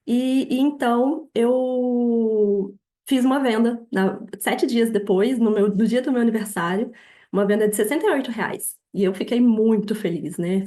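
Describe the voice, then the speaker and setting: A young adult woman with a Brazilian Portuguese accent, a podcast guest telling her story in a lively way, laughing often and acting out quoted dialogue. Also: medium pitch. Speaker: podcast guest, affiliate marketer. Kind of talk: casual interview storytelling.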